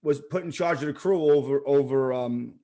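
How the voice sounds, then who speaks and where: A man's voice: medium pitch, normal speed, mellow. A man hosting an interview, chatting casually and enthusiastically as a fan, quoting lines and swearing freely. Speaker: host.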